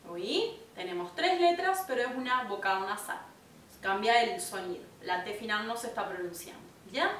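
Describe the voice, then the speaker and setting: A woman teaching French in a friendly online lesson, patient and lively, often checking in with her students. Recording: echoey room, mic at a distance, faint rumble.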